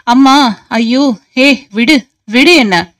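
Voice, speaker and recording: A woman's voice: on the high side, a little slow, no echo, clean studio sound, lightly acted. A woman reading the lines of a young man who has been beaten, in a pained, weak voice.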